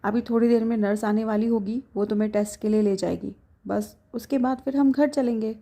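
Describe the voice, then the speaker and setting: A woman's voice: a little high, fairly even intonation, brisk, dark tone. A woman storyteller voicing a young husband who scolds his wife out of worry. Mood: reassuring. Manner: scolding, emotional.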